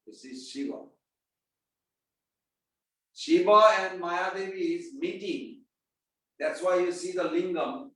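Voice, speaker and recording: A man's voice: sits high, slow, pauses often, fairly bright tone. A man giving a scripture class, talking casually, quizzing his listeners and chanting verses. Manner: conversational, quizzes the audience. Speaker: spiritual class speaker. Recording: echoey room, mic far off.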